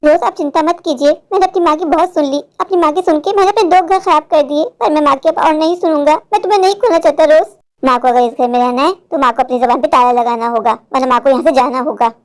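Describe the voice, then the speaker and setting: A woman's voice: high-pitched, fast, natural voice. A woman voicing a young husband caught between his mother and wife in a cartoon, speaking in a pleading, resentful way. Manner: pleading, then firm and resentful. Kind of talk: animated Hindi cartoon voice acting.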